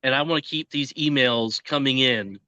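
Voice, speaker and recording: Podcast host guy talking outside by a pond, bright forceful voice, kinda dull muffled sound, dry. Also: medium pitch, moderate pace, no room sound. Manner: folksy, joking, with frequent restarts. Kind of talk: casual interview chat. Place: outdoors by a pond.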